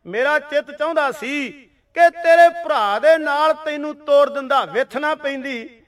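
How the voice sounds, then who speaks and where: A man voicing a defiant Sikh warrior who taunts his foe loudly. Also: extremely high pitch, unhurried, distant mic. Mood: grim. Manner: taunting, loud challenges.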